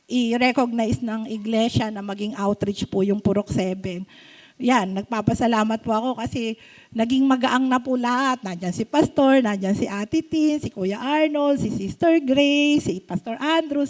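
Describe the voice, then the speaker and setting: A woman's voice: fairly high pitch, darkish tone, low-quality recording. A woman giving a testimony before a church congregation. She speaks politely and chattily, often checks in with her listeners, and restarts and corrects herself often.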